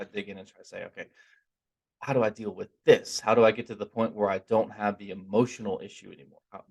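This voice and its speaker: A man giving an informal, earnest spiritual talk in a conversational, stop-and-start way, his r sounds softened toward w. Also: fairly low pitch. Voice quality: trouble pronouncing r, softened toward w. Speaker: religious teacher giving a talk.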